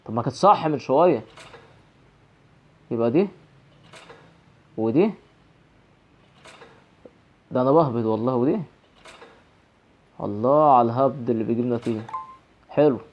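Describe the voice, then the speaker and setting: A man's voice: medium pitch, normal speed, pauses often, dull audio. Jumpy Egyptian man playing a horror game. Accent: Egyptian Arabic. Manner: jumpy, frightened exclamations and nervous rambling. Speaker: gaming channel host.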